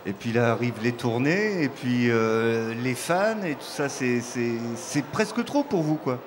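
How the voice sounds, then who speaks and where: A male radio host conducting a live interview, teasing and lively in his questions. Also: medium pitch, a little slow, background noise. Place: book fair outdoors.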